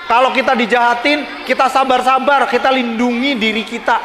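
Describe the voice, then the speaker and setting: A man giving a children's sermon as a pastor, animated and asking the children lots of questions. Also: very high-pitched, brisk, slight background noise. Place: church hall. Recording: echoey hall with children's crowd.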